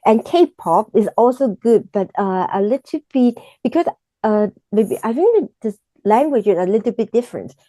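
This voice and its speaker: Giving mock speaking exam answers, this woman hesitates frequently, reaching for words in simple, broken English with a Cantonese accent. Her slightly high voice is soft, warm and mellow, and she sounds animated despite the slow pace. There's no room echo; the sound is close and dry.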